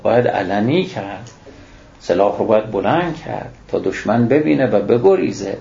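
A man with a medium-pitched, darkish voice and some vocal fry delivers a religious lecture on scripture. He recites Arabic phrases, explains them, and asks rhetorical questions he then answers himself, in an echoey, dull recording.

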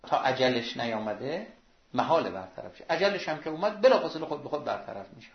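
Male preacher, sermon, emphatic and exhorting, gravelly voice, dull lo-fi sound. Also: medium pitch, big pitch swings. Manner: emphatic, exhorting, with sudden rises and hushed drops. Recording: roomy lo-fi recording.

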